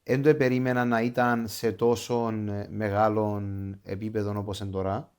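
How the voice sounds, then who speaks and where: A man's voice: lowish voice, little pitch movement, a little mellow, clean tone. A man with a Cypriot Greek accent talking casually as an interview guest, enthusiastic and dropping English phrases into his Greek. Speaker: interview guest, pro wrestler.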